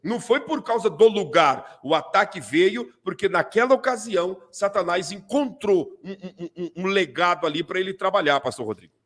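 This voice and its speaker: Brazilian pastor narrating a clip. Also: male voice, sits high, normal speed, few pauses. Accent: Brazilian Portuguese. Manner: animated, repetitive fillers. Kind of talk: live-stream commentary on video clips.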